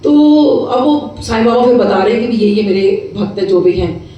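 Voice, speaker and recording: A middle-aged woman, a dentist, telling a devotional testimony in a lively storytelling way, acting out the voices she quotes and slipping in English phrases. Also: a little high, moderate pace, dull audio. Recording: echoey room, mic at a distance.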